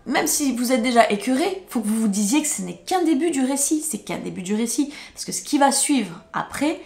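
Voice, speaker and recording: A woman's voice: high voice, lively intonation, a little fast, gravelly, a little mellow. A woman from France telling a storytime vlog in an emotional, indignant way, swearing when she gets angry. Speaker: YouTuber. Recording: roomy echo.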